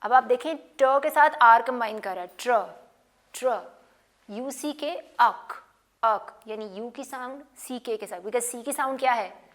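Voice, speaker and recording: A woman's voice: fairly high pitch, a little slow. A woman teaching a phonics lesson, mixing English words into Hindi and repeating each sound several times. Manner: drills sounds by repeating them. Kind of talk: slow classroom lesson.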